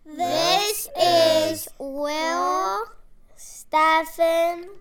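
A young kindergarten child reading school intercom announcements haltingly, in short repeated phrases. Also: very high-pitched, fairly even intonation. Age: young child, about five or six. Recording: noisy school intercom-style recording with clicks.

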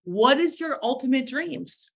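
Emphatic woman with a higher voice. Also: lively intonation, a little slow, vocal fry. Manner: emphatic, repeats phrases for effect. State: morning voice. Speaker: direct sales team leader. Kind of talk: motivational talk to a sales team.

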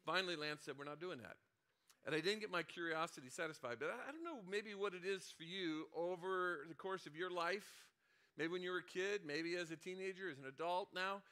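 A man's voice: sits high, fairly quick, pushed and bright, clear, resonant tone. A middle-aged man, a senior pastor, telling a childhood story in a conversational sermon with frequent restarts and asides.

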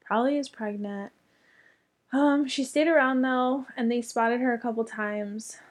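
A woman's voice: fairly high pitch, steady tone, unhurried. A young woman telling a story in casual chat, chatty and full of fillers, with casual swearing.

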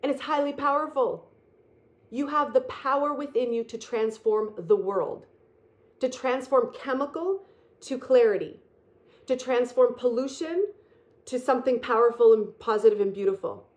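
Woman, spiritual speaker, earnest and emphatic, repetitive motivational delivery. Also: fairly high pitch. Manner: earnest, repetitive, emphatic and slow on key phrases.

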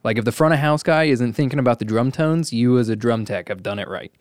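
A man's voice: mid-range voice, fast, no room sound, clean studio sound. A man hosting a podcast, talking casually about audio work, with lots of like as filler. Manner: casual, heavy use of like. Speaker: podcast host and audio tech.

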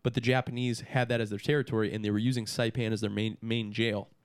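A man's voice: lowish voice, flat delivery, quick pace, clear, resonant tone, no room sound, studio quality. Casual man saying dude a lot. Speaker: guest. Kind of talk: casual podcast chat.

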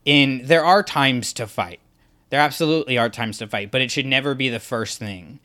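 Emphatic and theatrical, a male podcast co-host walks through a fan analysis while acting out how people might react. His mid-range voice moves at normal speed and sounds pushed and bright.

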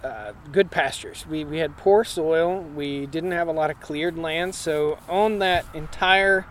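A man in his forties farmer chatting outside, fairly high voice for a guy, blunt and emphatic, faint background hum. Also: a little slow, a bit bright. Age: 40s. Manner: plainspoken, emphatic, with frequent restarts. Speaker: homesteading farmer and guest. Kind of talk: casual interview chat. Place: outdoors at a conference.

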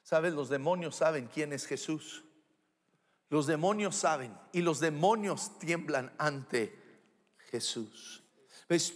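High-voiced preacher in an echoey hall. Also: male voice. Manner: animated, rhetorical questions, humorous asides. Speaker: pastor. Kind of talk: sermon.

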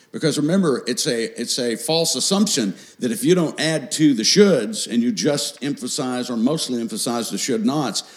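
Middle-aged male seminar speaker, folksy and scripture-quoting, teaching parents and checking in with the room. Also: mid-range voice.

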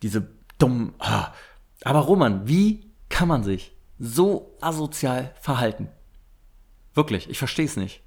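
A man tells a story in an easy, casual chat. He is animated and acts out the people he quotes, his pitch jumping about as he goes. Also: measured pace, creaky.

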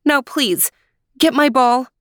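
Woman playing a fairy-tale princess, young, impatient, emphatic, high-pitched, dry close sound. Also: slow, dry recording. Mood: eager, pleading. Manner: bright, pleading and emphatic.

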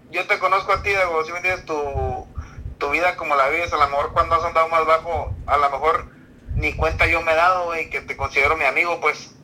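A man's voice: a little high, bright, forceful tone, a little hiss or hum, low-quality recording. A man hosting a casual podcast chat, slangy and loose, dropping a casual filler into nearly every phrase. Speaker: podcast host.

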